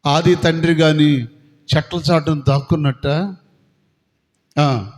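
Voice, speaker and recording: A man's voice: on the high side, fairly even intonation, slow. A man preaching a sermon to a congregation. He asks them questions and acts out voices from the story. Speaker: pastor. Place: prayer hall. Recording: long hall reverb.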